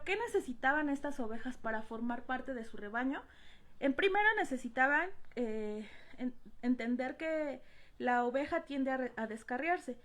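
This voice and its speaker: A woman giving a Bible study lesson, pausing often on "eh" and checking in with tag questions. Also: high voice. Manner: hesitant, frequent "eh" and tag questions "¿no?". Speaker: Bible teacher.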